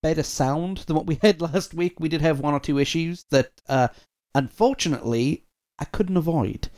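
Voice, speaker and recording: This podcast host's voice sits on the high side, with a darkish tone and moderate pace. He talks about music casually, wandering off topic and joking at his own expense, and his audio is compressed and dull.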